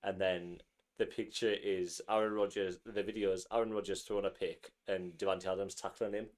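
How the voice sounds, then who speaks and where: A man's voice: low voice, level tone, normal speed, darkish tone. A man co-hosting a football podcast in casual chat, chatty and laughing, a bit ill. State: ill, coughing. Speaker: podcast co-host.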